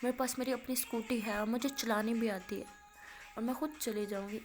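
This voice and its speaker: A sassy teenage college girl, as a woman storyteller puts her on, quick and argumentative with a teasing, playful way of talking. Her voice sits fairly high for a woman. This is a spoken storybook telling. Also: steady tone, faint music behind, natural voice.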